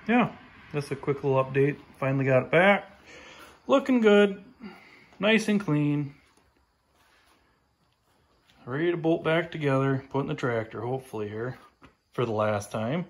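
A man giving a relaxed, plain-spoken update while filming his own project in a home garage on a handheld phone. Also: medium pitch, moderate pace, long pauses. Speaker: tractor restoration vlogger. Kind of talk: casual workshop update. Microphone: handheld phone camera, filming while talking.

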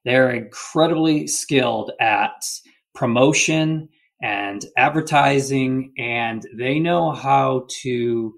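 A man's voice: medium pitch, slow, creaky, fairly bright tone. A man speaking as a logistics executive guest in an interview, explaining steadily and often adding a questioning "right?". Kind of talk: business interview.

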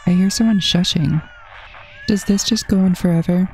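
A woman's voice: lowish voice, moderate pace, a little mellow. A woman commenting on her horror game playthrough, jittery and repeating panicked phrases to herself. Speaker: gaming channel host. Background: faint background music.

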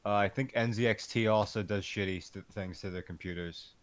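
A man's voice: fairly low pitch, fairly even intonation, a little fast, no echo. A man in a voice chat with friends, offhand and swearing, giving blunt advice. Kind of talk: casual gaming chat.

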